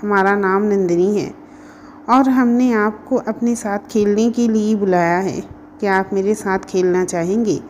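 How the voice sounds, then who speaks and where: An innocent little girl with a touch of pride, as a woman storyteller reads her lines, her voice mellow and soft-edged. She asks her questions in a childlike, pleading way. Faint noise sits under the storybook reading. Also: medium pitch, steady tone, unhurried, close to an everyday voice. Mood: bossy.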